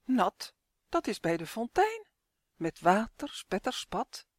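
A woman's voice: mid-range voice, slow pace, noisy background. Woman reading a rhyming children's story. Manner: lively sing-song rhyming read. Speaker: author and reader. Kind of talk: storybook narration.

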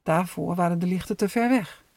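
Storyteller, children's story narration, calm even reading, mid-pitched voice, dry close recording. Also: fairly quick, gravelly, no room sound.

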